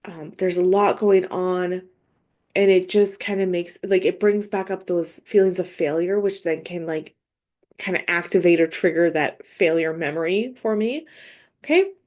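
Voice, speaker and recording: A woman grief coach talking gently and conversationally, with frequent fillers, walking listeners through her own coping steps. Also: lowish voice, normal speed. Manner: gentle, conversational, many fillers and self-talk. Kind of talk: reflective solo podcast talk.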